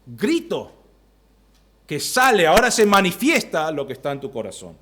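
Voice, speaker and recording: Argentine pastor guy w a high voice, preaching from the pulpit, gets loud then drops real low. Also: sing-song, fairly quick. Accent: Rioplatense Spanish. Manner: dramatic swings between loud bursts and quiet low asides. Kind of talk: expository sermon.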